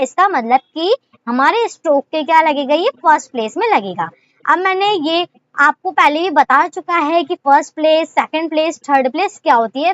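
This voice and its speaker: High-voiced Indian woman teaching a lesson. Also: a bit bright, lo-fi sound. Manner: explains step by step with frequent rhetorical questions. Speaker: shorthand teacher. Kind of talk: casual video lesson.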